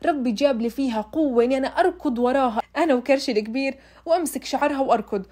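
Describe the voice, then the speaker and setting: This young woman's high, slightly mellow voice races along as she shares her personal story. She talks directly to her audience, casual and full of emotion.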